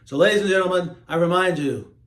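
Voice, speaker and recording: Man, host, slow emphatic delivery, slightly high voice, roomy echo. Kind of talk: monologue to camera.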